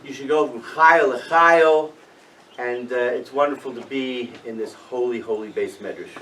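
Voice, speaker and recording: A man, a rabbi, telling a story with a moral to yeshiva boys in a study hall, animated, with big swings in pitch and loudness. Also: moderate pace, recorded from a distance, very noisy. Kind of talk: storytelling talk with a moral lesson.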